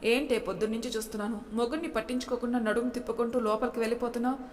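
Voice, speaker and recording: A woman voicing a hot-tempered, possessive young husband who talks gruffly and bossily in a storybook reading. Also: a little high, fairly even intonation, racing, a little hiss or hum, close to an everyday voice. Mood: angry. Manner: gruff, bossy. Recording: long hall reverb.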